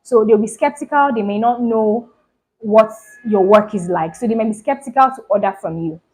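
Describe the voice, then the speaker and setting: A woman hosting her own channel, giving a casual lesson on running a clothing business, talking fast and often checking "do you understand?". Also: mid-range voice, darkish tone, poor audio. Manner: talks fast, repeats points, keeps asking "do you understand?". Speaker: fashion business channel host. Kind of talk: casual instructional talk to camera.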